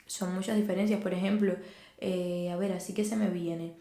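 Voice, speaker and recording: A woman's voice: fairly low pitch, normal speed. A young woman with a Cuban Spanish accent, chatting casually as a podcast guest and acting out quoted dialogue as she tells stories. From Cuba. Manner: animated storyteller, acts out quoted dialogue. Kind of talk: casual chat. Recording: roomy echo.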